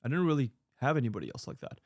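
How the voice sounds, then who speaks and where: Talking very fast with wildly swooping pitch, a man in his late twenties gives earnest life advice to his audience while answering viewer mail as an online creator. His voice centers at an ordinary middle pitch and is a little mellow, and he rambles with fillers and restarts in this casual monologue. The sound is dry and close, free of room echo.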